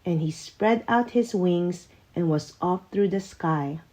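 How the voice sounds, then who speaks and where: A woman reading a rhyming children's storybook aloud with expressive narration. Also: lowish voice, takes it slowly. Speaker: storytime reader.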